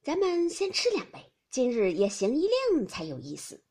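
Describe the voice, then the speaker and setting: A woman's voice: high-pitched, huge pitch swings, normal speed, a little mellow, breathy edge, full character voice. A woman reading a jovial elderly noble grandmother. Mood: merry. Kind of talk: audiobook character reading.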